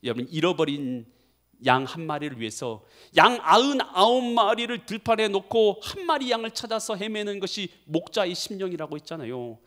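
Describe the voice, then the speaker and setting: A male pastor preaching a sermon, telling the story vividly and acting out the dialogue. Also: moderate pace. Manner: animated storytelling, acting out dialogue with big pitch swings.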